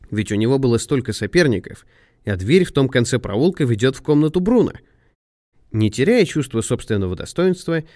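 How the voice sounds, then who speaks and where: A man reading a detective story aloud in measured, expressive narration. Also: mid-range voice, no echo, studio quality. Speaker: audiobook narrator. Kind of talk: scripted narration.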